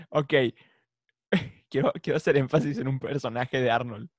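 A man's voice: mid-range voice, slow pace, no echo. Laid-back man, dry mic. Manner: playful, laughs often, imitates cartoon voices. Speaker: podcast co-host. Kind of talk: casual chat.

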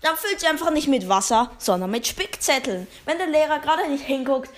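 A woman's voice: high voice, animated, a little fast. A girl presenting a school comedy sketch, giggly and flustered.

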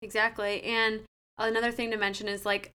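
Woman in her twenties, bright forceful voice, casual chatty podcast co-host, says "like" a lot. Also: medium pitch, little pitch movement, a little fast, clean tone. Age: 20s. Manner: chatty, fills talk with "like". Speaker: podcast co-host and personal trainer.

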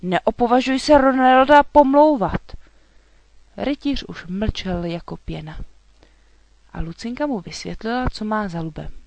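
A calm storyteller reading a children's dragon tale aloud. The voice sits in a middle pitch and moves at an even pace. It is recorded close on a microphone with a completely dry sound. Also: creaky, no echo. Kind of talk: scripted storybook narration.

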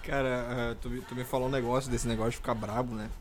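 A man's voice: medium pitch, little pitch movement, fast talker, a little hiss or hum. Laid-back young man. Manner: laid-back storyteller, often laughing. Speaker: podcast co-host. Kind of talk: casual chat.

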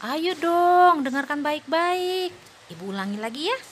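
A high-pitched, animated woman voices a cheerful young mother in a children's audio play, speaking slowly and patiently as she praises and encourages her two small daughters. There is slight background noise.

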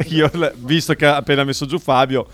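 A man's voice: on the high side, steady tone, normal speed, a bit bright, no room sound. A man hosting a local sports radio show, bantering and reading out listener messages. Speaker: radio host. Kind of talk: casual sports radio chat.

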